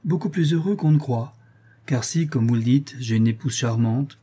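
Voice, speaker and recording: A man's voice: medium pitch, moderate pace, dark tone, slightly rough, lightly acted. A man reading an audiobook voices a vain, cheerful nobleman in a gallant, self-satisfied manner. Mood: smug.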